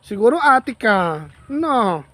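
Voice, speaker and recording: A man's voice: extremely high pitch, very animated, slow, pushed and bright, no echo. A man vlogging outdoors in farm fields, chatting with a child in a playful, teasing, coaxing way. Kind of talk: casual teasing chat with a child.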